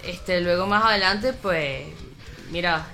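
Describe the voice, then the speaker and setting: A woman's voice: fairly low pitch, takes it slowly, pushed and bright, a little hiss or hum. A woman from Venezuela, a metal vocalist, answering interview questions in a reflective, casual way with frequent restarts. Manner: reflective, many restarts and fillers. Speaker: metal band vocalist, guest.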